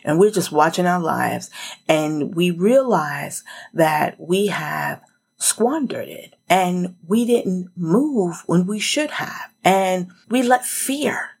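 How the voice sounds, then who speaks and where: A woman's voice: on the low side, animated, slow pace, creaky, a little mellow, husky. A middle-aged woman hosting a solo motivational podcast, chatty and emphatic, talking straight to the listener. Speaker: podcast host.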